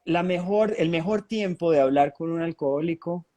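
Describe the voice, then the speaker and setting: Animated man telling a spiritual story. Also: on the high side, moderate pace. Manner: animated storytelling with frequent restarts. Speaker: spiritist talk speaker and hypnotherapist. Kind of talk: testimonial talk to an audience.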